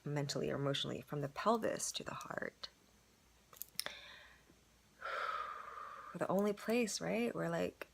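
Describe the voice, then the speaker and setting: A woman's voice: low voice, gravelly. A woman musing aloud in a casual, rambling monologue, reflecting on a storytelling performance and full of "like" and "you know".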